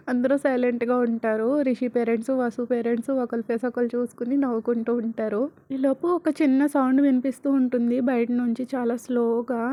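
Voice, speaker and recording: A woman's voice: on the high side, mellow. A woman narrating a story in a chatty, conversational way.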